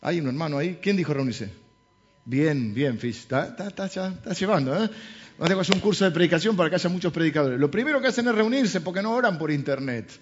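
A man's voice: on the high side, expressive, fast talker. A man with a Rioplatense Spanish accent preaching a sermon as a pastor, joking and conversational, full of rhetorical questions. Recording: slightly dull lo-fi sound.

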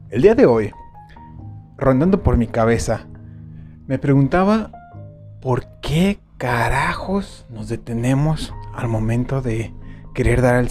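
A man giving a motivational monologue. He asks forceful rhetorical questions and then drops to hushed asides. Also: mid-range voice. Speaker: motivational speaker.

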